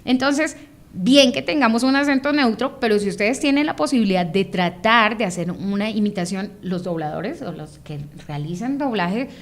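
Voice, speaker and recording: In an interview, a woman from Bogotá who does voice acting discusses her craft in a Bogotá Colombian Spanish accent, expressively demonstrating voices as she speaks. Her voice is mid-range and she talks at a normal speed.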